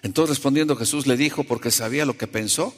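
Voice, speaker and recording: A male preacher giving a sermon, conversational and animated, who keeps asking the congregation questions. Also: mid-range voice, quick pace. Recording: long reverb of a large hall.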